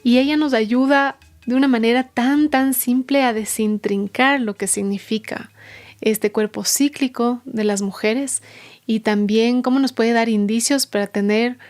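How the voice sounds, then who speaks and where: Bright-voiced woman hosting a podcast. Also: fairly high pitch, steady tone, a little slow. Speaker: podcast host. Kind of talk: podcast intro and interview. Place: guest's home.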